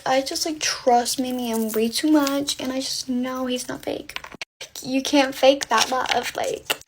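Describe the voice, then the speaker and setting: Brief: young woman, GRWM storytime, bright high voice, breathless "like"-laden gushing. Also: noisy background. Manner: gushing, filler-heavy valley-girl chatter. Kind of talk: get-ready-with-me storytime.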